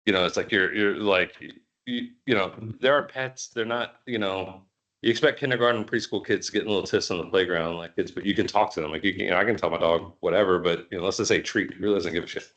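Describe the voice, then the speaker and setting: A man's voice: low-pitched, fast talker, a bit bright. A man chairing a committee meeting who talks casually and rambles, restarting his sentences often. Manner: rambling, full of fillers and restarts.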